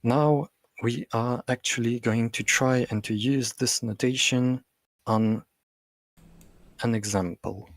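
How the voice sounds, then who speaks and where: A man's voice: mid-range voice, fairly even intonation, dry recording. Man on glitchy warbling call audio. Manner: halting, with many ums and restarts. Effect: glitchy, warbling video-call audio. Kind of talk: explaining computer science notation over a call. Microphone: computer mic on an online call.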